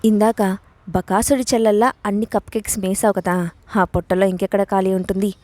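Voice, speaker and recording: A domineering young man in an audio story, sarcastic and cold, handing out curt warnings, as a woman narrator reads him. The voice sits at a middle pitch and sounds close and dry, with no room around it. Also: fairly even intonation, a little fast, a little mellow, dry recording, lightly acted.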